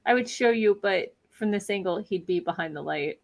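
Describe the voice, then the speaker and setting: Speaking at a normal speed in a mid-range voice, a middle-aged woman runs a laid-back livestream, talking with viewers and cheering on their comments.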